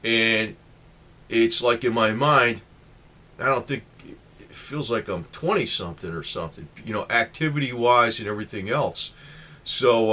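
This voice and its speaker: A man's voice: mid-range voice, sharp tone. A man in his late fifties giving a casual, rambling talk to the camera with lots of fillers. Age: 50s. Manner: rambling, chatty, many fillers. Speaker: vlogger.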